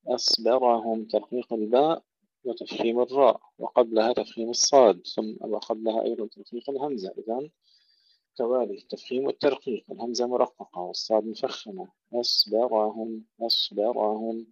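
A man teaching Quran recitation. He recites verses slowly, then explains the pronunciation rules and repeats words to contrast correct and faulty forms. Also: medium pitch, dark tone, slightly rough, no echo. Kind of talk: tajweed lesson with recitation. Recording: dull lo-fi recording.

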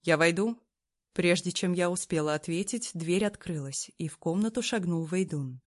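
Woman, storybook narrator, first-person reading, calm, even delivery. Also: on the low side, normal speed.

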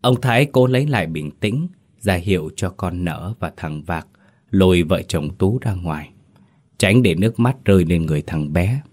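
Deep-voiced male story narrator. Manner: steady, measured storytelling with hesitant asides in the intro. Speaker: host and narrator. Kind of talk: scripted horror story narration.

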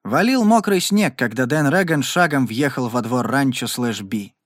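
Expressive male narrator, animated reading, dry booth. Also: medium pitch, moderate pace, no room sound. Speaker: audiobook narrator. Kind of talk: scripted narration of a Western.

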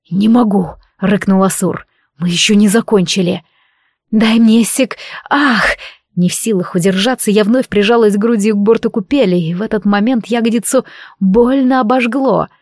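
A woman narrates a fantasy novel in a slow, even, intimate reading. Her voice sits at a middle pitch. The recording is dry and close, with no echo. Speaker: audiobook reader.

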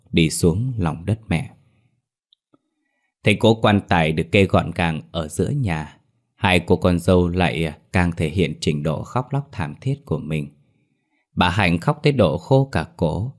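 A man narrating a ghost story in a steady, wry storytelling manner. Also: sits low.

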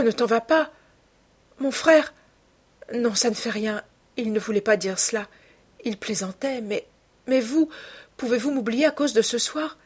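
A woman voicing a heartbroken young actress who pleads desperately with her lover, in a husky, raised voice. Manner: pleading, tearful, higher voice.

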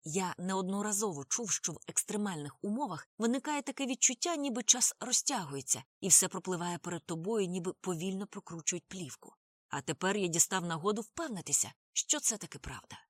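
A woman's voice: medium pitch, lively intonation, brisk, dry recording, studio quality. Woman reading a novel aloud dramatically. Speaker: audiobook narrator.

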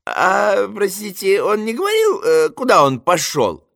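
An actor playing a fussy, flustered theatre administrator who stammers and hesitates with "eh" in an audio drama. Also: male voice, high-pitched, wildly swooping pitch, unhurried, vocal fry, fairly bright tone, no room sound, clean studio sound, full character voice. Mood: flustered polite.

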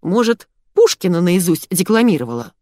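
A woman reading aloud puts on a creaky-voiced old mother-in-law who barks and mocks, her pitch leaping around. The storybook voice sits close and dry, with no room around it. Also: big pitch swings, moderate pace, a little mellow, dry recording. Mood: mocking. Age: older. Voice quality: creaky mezzo-soprano. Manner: barking, mocking. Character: older grumpy sharp-tongued mother-in-law. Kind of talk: audiobook character voice.

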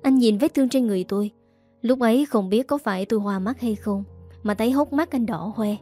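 Mellow-voiced woman narrating a story. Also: fairly high pitch. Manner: smooth, measured storytelling. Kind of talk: scripted audiobook narration. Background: soft background music.

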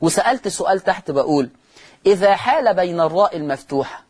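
Egyptian man, recitation teacher, husky voice, somewhat high, repeats himself, quizzes his listeners. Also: animated, a little mellow. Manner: repeats key words, asks and answers his own questions; stretches example words slowly. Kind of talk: televised lesson on Quran recitation rules.

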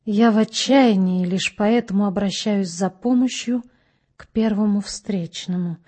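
Woman reader as mysterious young lady, low dark tone, husky, slow, hushed, audiobook. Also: lightly acted. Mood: hushed, pleading.

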